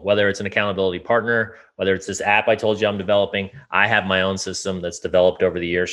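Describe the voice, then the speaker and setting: Upbeat male podcast guest, low-pitched, dry close sound. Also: no room sound. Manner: energetic, upbeat, restarts often. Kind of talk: casual interview chat.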